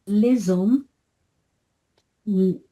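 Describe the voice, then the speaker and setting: A woman's voice: medium pitch, drawn-out words, warm tone, a little hiss or hum. A woman student in an online class, apologetic and hesitant, stumbling over her question on a dull call line. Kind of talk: answering and asking in class.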